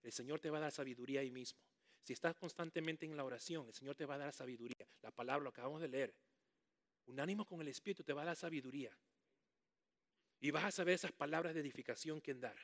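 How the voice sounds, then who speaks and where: A man preaches with animated energy, getting his listeners to repeat key words after him. His voice sits a little high for a man, and he mixes in playful asides to the congregation. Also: fast talker. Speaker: pastor. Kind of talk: sermon.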